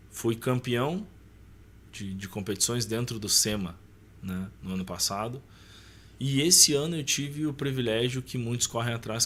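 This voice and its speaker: Here a man in his thirties speaks with a Brazilian accent, casually recounting personal stories as a guest on a podcast. His medium-pitched voice has a fairly bright tone over a little hiss or hum. He's colloquial and slangy, often seeking agreement with brief tags.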